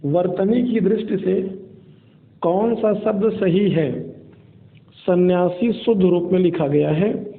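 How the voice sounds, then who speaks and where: Man teaching exam spelling, high voice, thin phone-line audio. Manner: steady, explains each answer option and repeats the correct form. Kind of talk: exam-prep spelling lesson.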